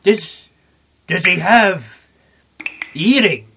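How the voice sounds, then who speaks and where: A man playing a grumpy male pirate in a comedy audio drama, gruff and slow, with some swearing. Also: high voice, animated, a bit bright, a little hiss or hum, exaggerated voice.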